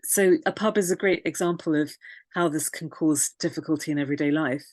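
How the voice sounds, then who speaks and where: A woman, a pronunciation coach, explaining clearly in an interview with frequent "you know"s. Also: sits low, brisk, darkish tone, dry recording.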